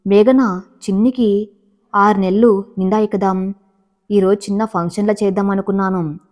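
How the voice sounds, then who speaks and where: A patient young husband from a storybook speaks gently and considerately, as a woman reads his lines. The voice sits at an ordinary middle pitch. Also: steady tone, normal speed, close to an everyday voice. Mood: kind.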